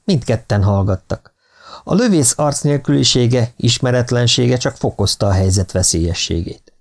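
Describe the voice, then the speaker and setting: Male audiobook narrator, mid-pitched, steady and even reading of a thriller. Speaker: audiobook reader.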